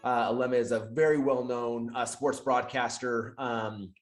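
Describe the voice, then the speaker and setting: Enthusiastic male podcast host, mid-pitched, faint music behind. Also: steady tone, moderate pace. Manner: upbeat, enthusiastic. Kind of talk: casual interview chat.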